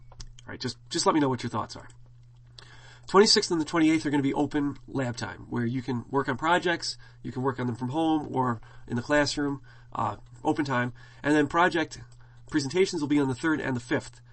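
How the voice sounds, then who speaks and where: A middle-aged man teaching a college class, talking in a loose, rambling way with lots of "uh"s and false starts. His throat is scratchy, and his voice sits at an ordinary middle pitch for a man. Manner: casual, rambling, frequent fillers and restarts. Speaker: college instructor. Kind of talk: classroom lecture.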